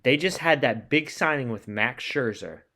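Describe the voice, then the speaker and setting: A man's voice: medium pitch, expressive, moderate pace, sharp tone. A man hosting a podcast, talking sports in a casual, enthusiastic way. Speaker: podcast host.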